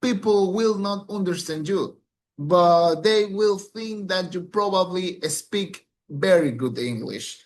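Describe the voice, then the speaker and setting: A man's voice: sits high, slow. A man who is an English language student gives a recited exam presentation, speaking carefully with small slips and restarts.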